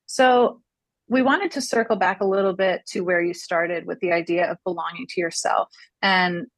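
A woman co-hosting a podcast with a low-pitched voice. She frames her questions thoughtfully and gently. The recording is dry and close. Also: no room sound. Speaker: podcast co-host. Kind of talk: conversational podcast interview.

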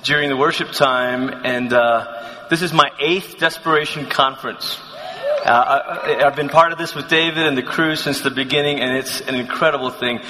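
A man's voice: mid-range voice, steady tone, normal speed, sharp tone, a little hiss or hum. A man in his thirties from Malaysia, telling personal stories to a conference crowd in a chatty, self-deprecating way with many restarts. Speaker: conference speaker. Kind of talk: sermon, personal storytelling. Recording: long hall reverb.

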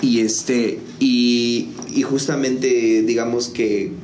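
A man's voice: mid-range voice, fairly even intonation, extremely slow, darkish tone. A man, a music school founder, telling his story in a casual interview with many fillers and restarts. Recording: echoey room with faint noise.

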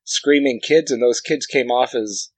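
A man's voice: mid-range voice, a little slow, breathy edge, no room sound. A man co-hosting a casual podcast chat, making dry jokes and asides about a TV show. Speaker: podcast co-host.

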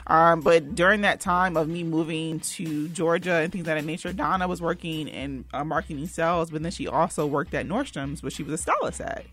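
A woman's voice: sits low, brisk, few pauses, a bit bright. A young adult woman, a PR consultant, speaking as a guest in a casual interview in a loose, conversational way. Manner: loose and conversational, many fillers and restarts.

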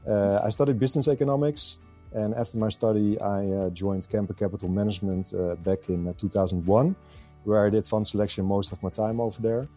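A middle-aged Dutch man speaks in a low, mellow voice, talking through his work as a podcast guest. He is measured and hesitant, often pausing on "uh" between thoughts. Faint music sits underneath. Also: steady tone. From Netherlands. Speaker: podcast guest, fund selector. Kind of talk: conversational interview answers.

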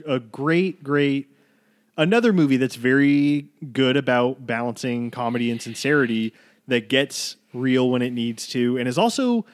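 A man's voice: mid-range voice, moderate pace. A man co-hosting a podcast, chatting loosely about films and rambling, with frequent swearing. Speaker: podcast co-host. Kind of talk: casual chat.

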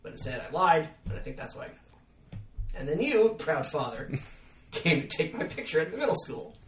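A man's voice: a little high, sing-song, brisk, roomy sound, recorded from a distance, a little hiss or hum. A young adult man hosting a podcast, telling stories about his youth in a self-mocking, laughing way. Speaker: podcast host. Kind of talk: casual storytelling chat.

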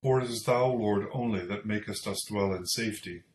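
A man with a fairly low voice reads scripture at a formal service in a slow, solemn cadence. His voice rings in a cathedral echo, with a faint ambient hush beneath it. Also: slight background noise. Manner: measured, solemn reading. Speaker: lesson reader and respondent at a church service. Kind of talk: formal liturgical scripture reading. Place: large church. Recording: echoey church with faint ambience.

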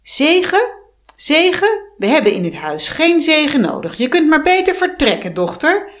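A lady putting on a shrill bossy old witch, loud and sarcastic, storybook style, voice swoops up and down. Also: big pitch swings, measured pace. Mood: scornful.

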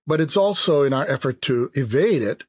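A man in his fifties, from Jamaica, speaking as a philosopher in a thoughtful, measured interview. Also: mid-range voice, expressive, husky, no echo. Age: 50s. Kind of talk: reflective interview talk.

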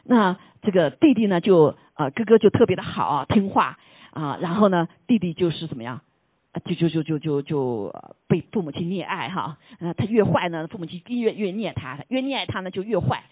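A husky preacher speaks with a lively, swinging pitch, giving a casual sermon full of questions put to the listeners. English words slip into the talk, and many lines end on a soft "ha". The sound is thin and phone-like, with a dry, close feel and no room echo. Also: brisk. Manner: asks the listeners rhetorical questions; mixes English words into Chinese speech. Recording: tinny phone-like line, dry.

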